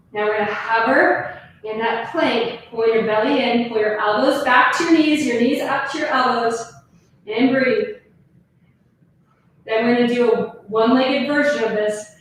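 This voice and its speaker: Brief: higher-voiced woman pilates teacher, slightly winded, very echoey room with faint hiss. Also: a little slow, pauses often. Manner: counts reps and cues breathing while demonstrating. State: out of breath. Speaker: pilates instructor. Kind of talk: live online workout class. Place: pilates studio.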